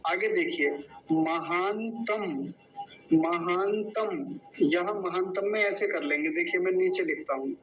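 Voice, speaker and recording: A man teaching how to pronounce a Sanskrit mantra, repeating each word slowly and patiently and pointing out common mistakes. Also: sits high, a bit bright. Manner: corrects common mispronunciations, asks and answers his own questions. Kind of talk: pronunciation lesson, slow and deliberate. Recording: dull lo-fi recording.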